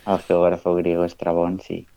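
Deep, gravelly, warm and smooth, the man's voice stays completely flat at a moderate pace. He is a researcher in his thirties appearing as a podcast guest, musing casually and ending lots of phrases with "¿no?", all in a dull, dry lo-fi recording.

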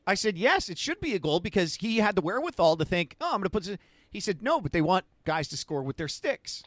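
A man's voice: high voice, very animated, fast talker, fairly bright tone, no room sound. A man co-hosting a postgame chat, retelling an argument with many restarts. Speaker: co-host. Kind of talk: casual chat.

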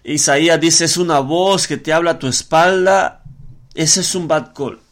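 A man's voice: on the high side, measured pace. A man preaching a sermon in an earnest way, often repeating words and using fillers as he works through scripture.

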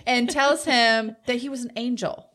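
Woman podcaster going thru a tv episode, kinda high voice, lots of "like". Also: steady tone, normal speed, a bit bright. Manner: recounts the plot step by step, lots of "like". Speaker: podcast co-host. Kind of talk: casual chat recapping a TV episode.

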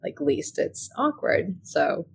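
A young woman co-hosting a podcast, chatting in a relaxed, rambling way with lots of fillers. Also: on the low side, takes it slowly, creaky, slightly rough. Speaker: podcast co-host. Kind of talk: casual chat.

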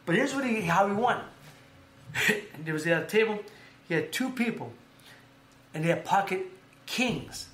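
A man hosting a casual sports chat, telling stories in a rambling, animated way with lots of fillers. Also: sits high, moderate pace, pauses often, roomy sound. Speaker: podcast host.

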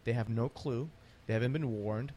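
A man's voice: mid-range voice, normal speed, warm tone. Emphatic man hosting an interview. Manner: emphatic, repeats phrases for stress. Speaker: interview host. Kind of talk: conversational interview.

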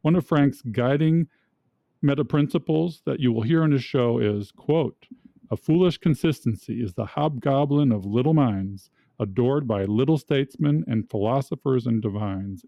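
A man's voice: medium pitch, dark tone, no echo. A man hosting a podcast, reading a scripted guest introduction and talking with his co-host.

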